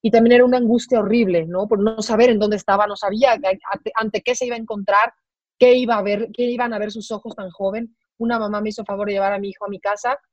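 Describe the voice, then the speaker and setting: A woman's voice: mid-range voice, steady tone, a little mellow, no room sound. Emotional Mexican woman telling her story. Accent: Mexican Spanish. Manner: halting, repeats words, voice breaking with emotion. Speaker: interview guest. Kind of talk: emotional personal account. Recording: dry, slightly dull recording.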